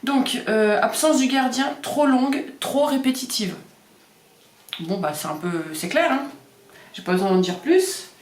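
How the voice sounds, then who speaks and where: A woman does a casual card reading in an echoey room, speaking hesitantly with many fillers and repeating the words on the cards. Her voice is fairly high, expressive, and unhurried.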